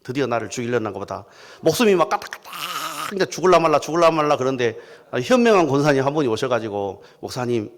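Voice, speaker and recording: A male pastor from southern Jeolla with a Jeolla accent, preaching as a folksy, animated storyteller. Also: mid-range voice, fast. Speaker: guest pastor. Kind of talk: humorous storytelling sermon. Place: church sanctuary. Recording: long church hall reverb.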